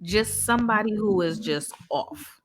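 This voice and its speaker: A woman hosting a podcast, chatting casually and with animation about a movie, slangy and quick to laugh. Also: mid-range voice, animated. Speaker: podcast host. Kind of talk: casual movie recap chat.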